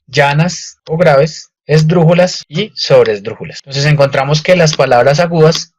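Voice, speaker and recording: A man's voice: fairly high pitch, dry recording. A man with a Colombian accent teaching a grammar lesson, explaining patiently and often repeating words with fillers. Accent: Colombian Spanish. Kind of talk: online lecture with slides.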